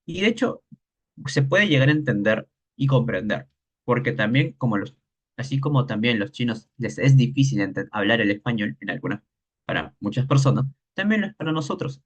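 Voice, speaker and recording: Lively-pitched man teaching tones. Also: husky. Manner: demonstrates tones with drawn-out syllables. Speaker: Mandarin teacher. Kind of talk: online workshop lesson.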